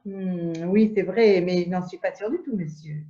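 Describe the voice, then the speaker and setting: An amateur actor plays a prim, formal English lady in an absurdist stage scene over a video call, voicing measured, repetitive exclamations of mild, polite astonishment. Her voice is lowish, warm and natural, captured in dull, echoey room audio.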